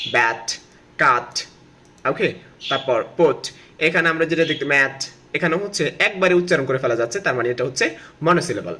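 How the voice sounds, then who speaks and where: A man's voice: fairly high pitch, fairly bright tone, a little hiss or hum. A man teaching an English lesson on video, explaining step by step, quizzing viewers and stretching words out syllable by syllable.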